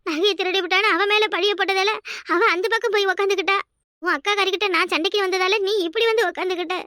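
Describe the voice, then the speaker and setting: A woman's voice: very high-pitched, steady tone, fast talker, pushed and bright, dry recording, clean studio sound. A woman voicing a troubled married woman whose husband lies unconscious, pleading emotionally in a cartoon dub. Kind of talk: cartoon dubbing.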